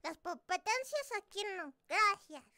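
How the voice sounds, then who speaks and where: A woman streamer chatting live in a cute, girlish anime-style voice, gushing and highly expressive. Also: a little slow, no room sound. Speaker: streamer hosting a live chat. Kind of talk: casual live-stream chat.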